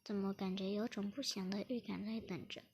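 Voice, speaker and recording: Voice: mid-range voice, fairly even intonation, brisk. A player giving casual game commentary, chatting to themself in a playful way. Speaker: gameplay commentator. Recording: loud background noise, clicks.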